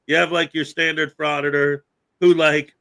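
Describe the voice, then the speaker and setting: This man hosts a podcast in loose, casual chat, with a tone that has a bright, forceful edge. He sits a little higher than most men in pitch. He rambles, piles on fillers and laughs often. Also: level tone, moderate pace. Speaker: podcast host.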